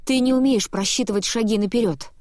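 A man's voice: sits high, quick pace, darkish tone, dry recording, clean studio sound, close to an everyday voice. A woman reading the lines of a furious, bossy male newspaper editor who scolds his staff. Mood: scolding rage.

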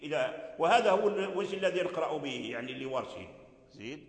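A man's voice: fairly high pitch, expressive, fast talker. A man, teaching Quran recitation and explaining verse by verse while repeating example words. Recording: echoey hall.

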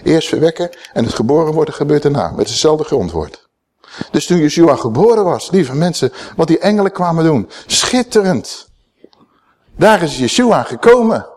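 A man preaching a sermon, quoting scripture dramatically, swinging between emphatic raised calls and low, hushed asides. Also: sing-song. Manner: quotes scripture aloud, slowing on key words.

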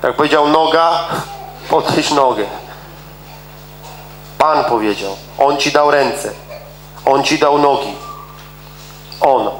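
A middle-aged man preaching a sermon with emphasis, repeating words for stress and swinging between fast and slow delivery. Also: fairly high pitch, reverberant, a little hiss or hum, rough recording.

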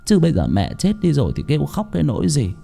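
Man putting on a naggy sharp-tongued village wife, higher voice, scolding, audio story. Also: big pitch swings, fairly quick, gravelly, faint music behind. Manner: scolding, nagging.

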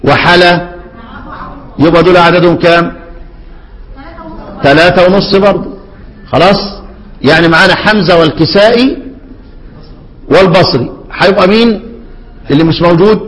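High-voiced Egyptian sheikh teaching in a hall. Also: male voice, fairly bright tone. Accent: Egyptian Arabic. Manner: questioning students, answering his own prompts; slow measured recitation of quoted verses. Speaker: Quran recitation teacher. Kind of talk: classroom lesson explaining a classical text. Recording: long hall reverb.

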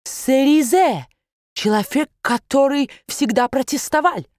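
A woman's voice: sits high, measured pace, darkish tone, no room sound, studio quality, pitched above the performer's own voice. A woman voicing a pompous older male banker who speaks broken, foreign-accented speech in sudden outbursts. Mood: blustering.

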